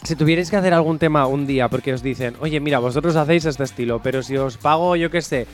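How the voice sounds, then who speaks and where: A man hosting a morning radio show, chatting casually with guests in an excitable, gushing way and laughing often. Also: a little high, fast, faint music behind.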